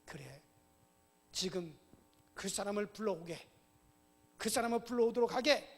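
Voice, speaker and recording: A calm, authoritative teacher speaks slowly and softly, lower than the rest, as a man puts him on. The voice is still fairly high and rings in a long hall reverb. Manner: slow, low and calm.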